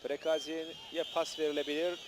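Man, live match commentary, slightly high voice, clipped phrases, clearly noisy outdoor recording. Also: level tone, normal speed. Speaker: football commentator. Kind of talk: live television football commentary, short clipped play-by-play. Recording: noisy old match broadcast, outdoor stadium.

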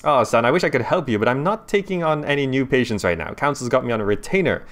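A man's voice: medium pitch, lively intonation, fast talker, a bit bright, natural voice. Man reading as Doc Jubilee, folksy old doctor. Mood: folksy scolding. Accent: Malaysian. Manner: drawling, scolding, calls people son. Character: folksy older male wasteland town doctor.

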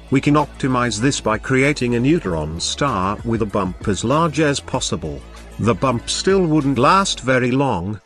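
Guy reading his science explainer script, plain and informal, mid pitch, bit of quiet music behind. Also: dry recording. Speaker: science video narrator.

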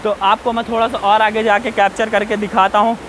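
In this casual walking vlog, a man with a strikingly high voice delivers his chatter flatly, in a fairly bright tone, while addressing viewers on a rocky hillside. He warns about danger repeatedly, and the rough recording includes a faint rushing waterfall.

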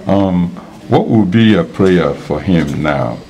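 Deep-voiced man interviewing mourners. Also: lively intonation, slow, slight background noise. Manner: warm, chatty, frequent affirmations. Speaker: interviewer at a memorial service. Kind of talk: casual interview. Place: church hall.

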